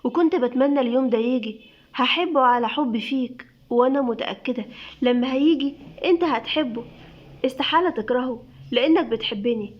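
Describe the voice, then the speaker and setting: A playful young wife, newly pregnant, coaxing and teasing in a read-aloud story, voiced by a woman narrator. She speaks with an Egyptian accent in a high voice. The audio sounds dull and lo-fi. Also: a little fast. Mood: tender.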